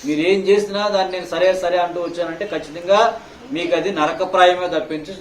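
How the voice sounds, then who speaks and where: Fast, scolding male preacher in an echoey hall. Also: fairly even intonation, far from the mic. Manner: scolding, firing rhetorical questions at listeners; swings between loud outbursts and hushed low phrases. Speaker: pastor. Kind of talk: sermon. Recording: echoey hall, faint room noise.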